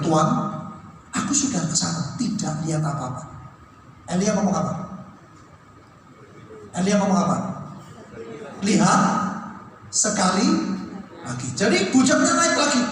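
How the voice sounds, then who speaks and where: A man preaching a sermon in a large church hall, animated, acting out the voices of people in his story. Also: high-pitched, a little hiss or hum. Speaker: pastor. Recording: echoey hall from far off.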